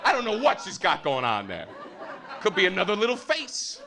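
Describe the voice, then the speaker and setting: A young American man doing a stand-up comedy set on stage, loud and swearing, his voice jumping high on punchlines. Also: huge pitch swings, normal speed, crowd noise, background noise. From United States. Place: comedy theater with a live audience.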